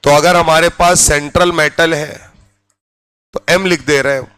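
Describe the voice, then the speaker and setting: A man with a Hindi accent lectures on chemistry at a very slow, deliberate pace, his voice sitting a bit higher than usual. He keeps pausing to quiz the class with quick check-in questions. The sound is dry and close, with no room echo. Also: fairly even intonation, a bit bright, smooth. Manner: drills students with repeated questions. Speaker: chemistry teacher.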